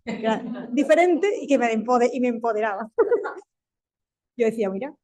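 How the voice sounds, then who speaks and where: An animated woman in her fifties with a Spanish accent, talking on a panel discussion. She speaks quickly, restarts her sentences and laughs often, in a voice pitched a little high. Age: 50s. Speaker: panel speaker, tech company executive.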